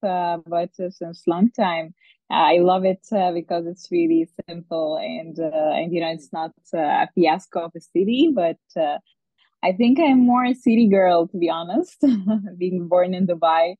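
Low-voiced woman, halting remote guest. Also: fairly even intonation, no echo. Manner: halting, thoughtful, many pauses. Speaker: podcast guest. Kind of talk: casual remote interview talk. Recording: dull, dry remote call audio.

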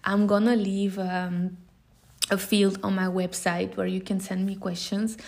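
A Belgian woman in her thirties, a native Dutch speaker with a Belgian Dutch accent, opens her podcast with an informal, unscripted and earnest introduction recorded on a phone. Her mid-range voice has little pitch movement and a touch of vocal fry. She speaks a little slowly and sounds slightly mellow.

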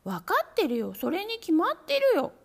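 A woman voicing a chorus of clever, greedy little kittens in a storybook, shouting high and quick. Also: wildly swooping pitch, gravelly, full character voice. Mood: gleeful. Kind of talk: storybook reading.

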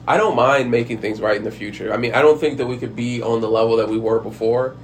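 A man's voice: medium pitch, steady tone, fast, slight background noise. A man talking casually and frankly about handling hard conversations, rambling with frequent restarts and the odd swear word. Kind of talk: casual advice monologue.

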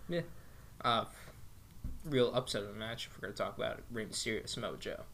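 A man's voice: fairly low pitch, brisk, fairly bright tone. A man co-hosting a podcast in casual chat, speaking in dry, short remarks. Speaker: podcast co-host.

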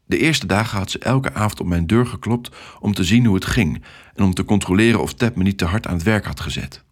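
A man with a husky, lowish voice tells a children's story in the first person, as the main character's own account. His scripted storytelling is animated and a little fast.

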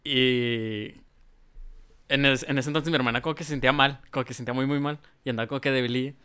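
A man with a Mexican accent, a guest on a chat show, telling a story in a relaxed way with many fillers. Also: medium pitch, quick pace, clean tone. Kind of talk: casual storytelling.

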